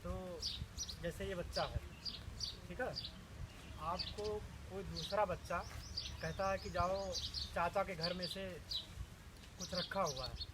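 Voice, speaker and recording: A man's voice: high-pitched, takes it slowly, long pauses, very noisy. A man teaching village children outdoors, addressing the class and mixing in English.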